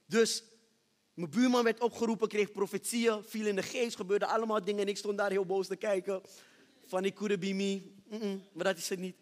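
A man preaching a sermon testimony on a church stage, moving from hushed storytelling to loud, shouted praise. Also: sits high, fairly even intonation, moderate pace. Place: church stage with reverberant hall. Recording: long hall reverb.

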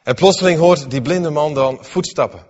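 A man preaching a sermon in a church, reading scripture and then expounding it, dramatic, swinging between raised emphatic lines and hushed ones. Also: fairly high pitch, normal speed. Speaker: pastor. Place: church hall. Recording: dull, hall with long reverb.

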